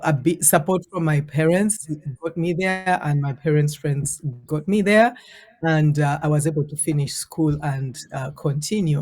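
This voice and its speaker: A woman's voice: sits low, darkish tone. Woman in her forties, raised in Uganda; interview guest, earnest and reflective, stretches words for emphasis. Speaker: guest, parenting coach. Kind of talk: conversational interview storytelling.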